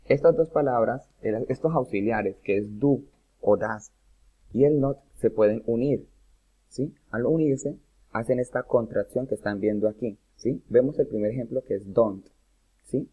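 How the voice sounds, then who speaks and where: A male teacher giving a recorded grammar lesson to students, patient and explanatory, pausing often to check that they follow. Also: medium pitch, husky. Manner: patient, checks in with "¿listo?" after each point. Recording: phone-like narrow audio.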